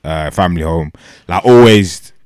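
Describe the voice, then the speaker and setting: Low-voiced London roadman-style man, dry sound. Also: moderate pace, a little mellow, smooth, no echo. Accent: London, urban slang-heavy. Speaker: podcast co-host. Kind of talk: casual podcast chat.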